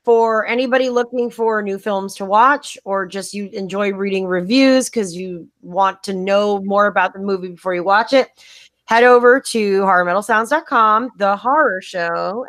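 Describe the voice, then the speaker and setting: A woman's voice: medium pitch, moderate pace, a bit bright, no room sound. A woman co-hosting a casual podcast chat, easygoing and steering the topics. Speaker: podcast co-host.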